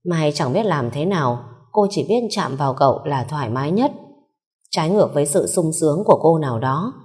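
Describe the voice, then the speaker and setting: Low-voiced woman reading a story. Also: lively intonation, fairly quick, darkish tone. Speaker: narrator. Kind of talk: storybook narration.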